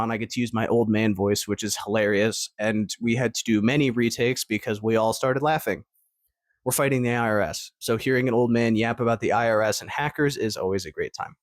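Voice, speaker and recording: Young man in his twenties, casual rambling storyteller, mid-pitched, dry close recording. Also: no echo. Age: 20s. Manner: rambling, upbeat, lots of fillers and self-corrections. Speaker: vlogger.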